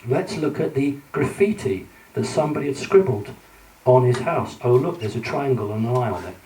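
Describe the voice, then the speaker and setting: Man, conference speaker, mellow tone, hesitant fillers, recorded from a distance in an echoey hall. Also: medium pitch, lively intonation, moderate pace, slight background noise. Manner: earnest, hesitant with frequent fillers. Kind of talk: conference lecture with slides.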